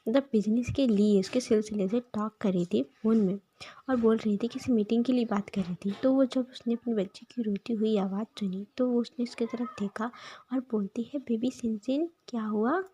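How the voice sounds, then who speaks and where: A woman tells a fan-fiction story casually, rambling and circling back over her own phrases. Her fairly high voice is warm and slightly husky, and she often drops into soft, breathy asides. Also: steady tone, moderate pace. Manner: rambling, repeats and restarts phrases.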